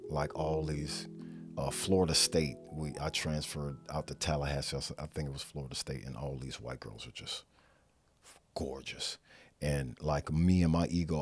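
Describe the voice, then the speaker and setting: Very deep-voiced man telling a raw story. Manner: candid, profane, rambling with restarts. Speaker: former inmate telling his story. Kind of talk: casual storytelling. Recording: music playing underneath.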